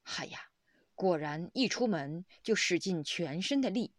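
A woman's voice: fairly low pitch, lively intonation, a little slow, no echo, studio quality. A woman reading a Buddhist story aloud, narrating expressively and often breaking into exclamations. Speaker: reader of a Buddhist text.

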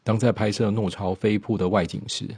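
A man narrating a biographical documentary in a steady storytelling manner, with occasional small slips. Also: on the low side, fairly quick, creaky, slightly rough, no room sound.

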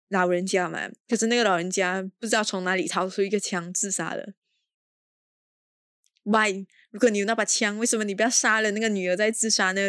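A woman's voice: medium pitch, a bit bright, dry recording, clean studio sound. Exasperated woman reviewing a bad film. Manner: exasperated, sarcastic, mixes in English exclamations. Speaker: podcast host. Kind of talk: casual film review podcast.

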